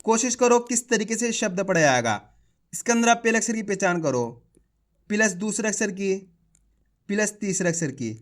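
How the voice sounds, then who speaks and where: A man's voice: high-pitched, expressive, moderate pace. A male reading teacher sounding out words syllable by syllable, then saying each whole word, and coaching viewers as friends. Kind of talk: spelling-out reading lesson.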